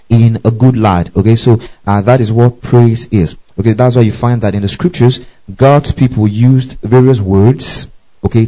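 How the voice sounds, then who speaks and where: A man preaching a Bible lesson, who keeps checking in with his listeners by asking "okay?" and "do you see that?". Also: medium pitch. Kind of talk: bible teaching sermon. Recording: muffled lo-fi recording.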